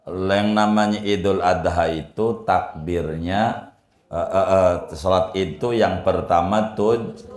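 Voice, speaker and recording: A male Islamic preacher, giving a folksy religious lesson full of jokes and loud rhetorical questions. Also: deep voice, slow. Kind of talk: religious study lecture. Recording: roomy echo.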